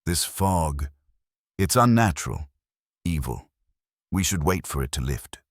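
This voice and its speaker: A man voicing a tall, quiet army scout with a deep, calm, slow and measured voice, in a dark fantasy audio story. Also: no echo, studio quality, full character voice. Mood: uneasy.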